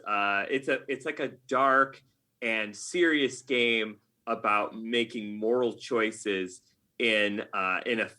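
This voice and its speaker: An American man with a lowish voice and a sharp tone answers as a podcast guest. A video game writer, he talks conversationally, often backtracking to rephrase his points.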